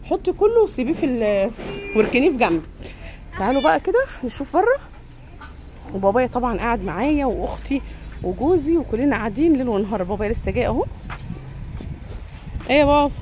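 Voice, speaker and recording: A chatty Egyptian woman walks viewers through a poultry yard, her fairly high voice rising and falling in lively swings as she rattles along quickly. Faint outdoor ambience sits behind her, with birds and the odd passing car. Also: muffled recording, slight background noise. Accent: Egyptian Arabic. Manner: chatty, addresses viewers directly while touring. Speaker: vlogger giving a tour. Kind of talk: casual walk-through vlog.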